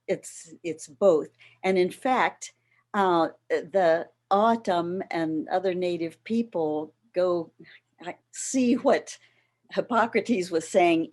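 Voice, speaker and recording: Slow, low-voiced woman presenter. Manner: slow, explanatory, with soft laughs. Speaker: workshop presenter. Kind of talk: educational talk on plant foods.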